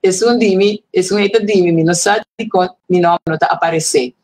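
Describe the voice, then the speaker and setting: A woman's voice: lowish voice, brisk, a little mellow, rough recording. A woman hosting an online event, casually reading out viewer messages and short poems and counting their syllables aloud. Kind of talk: casual live-stream chat.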